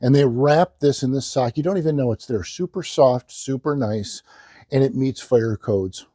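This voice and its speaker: A man's voice: medium pitch, normal speed, warm tone, no room sound, clean studio sound. A man presenting a product demonstration as a hard-sell ad, emphatically repeating selling points. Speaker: infomercial presenter and salesman. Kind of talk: sales pitch, product demonstration.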